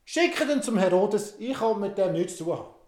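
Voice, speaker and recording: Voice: mid-range voice, sing-song, unhurried, darkish tone, voice pushed up. A storyteller voicing a cautious, placating governor who reasons aloud, in a roomy recording. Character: cautious Roman governor, a man. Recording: roomy echo.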